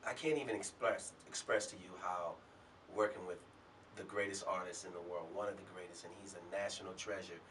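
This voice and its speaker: A man who is a singer and a guest on a talk show. He tells stories from his career in a relaxed way. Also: sits low, fairly quick, distant mic, noisy background. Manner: relaxed anecdotal storyteller. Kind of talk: storytelling in an interview.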